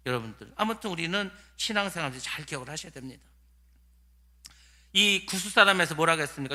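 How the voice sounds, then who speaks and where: A man with a high, piercingly bright voice preaches a sermon. He swings between loud exclamations and hushed, low asides. He acts out the voices of the people he quotes. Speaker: pastor. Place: church sanctuary.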